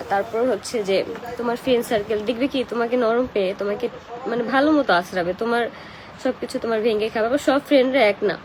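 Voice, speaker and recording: A woman's voice: on the high side, rough recording. A young woman with a Bangladeshi accent, crying and emotional as she chats casually on a live stream and answers comments. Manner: tearful, emotional, crying talk. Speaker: live streamer who does paid promotions.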